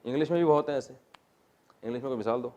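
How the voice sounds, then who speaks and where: A middle-aged man, teaching Quranic Arabic grammar. He spells out word forms slowly, repeats them, and drops in joking asides. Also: medium pitch, dark tone, muffled recording. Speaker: religious teacher.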